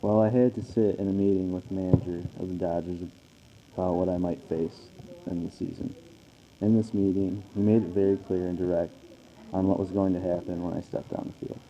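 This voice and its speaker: In an amateur scripted radio interview, a man plays a famous 1940s baseball star, reciting his lines plainly, earnestly and matter-of-factly. His low, mellow voice is brisk and level, close to everyday speech, with the highs cut off.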